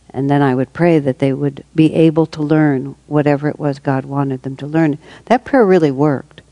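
A woman's voice: low voice, mellow, no echo. A woman giving a reflective, conversational spiritual talk to a group, taking questions as she goes. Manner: reflective and conversational, with light laughs. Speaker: spiritual teacher.

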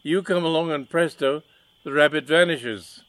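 Man voicing a loud, indignant conjurer villain, high and forceful. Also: normal speed, no echo, lightly acted. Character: theatrical vengeful male magician, loud and pompous.

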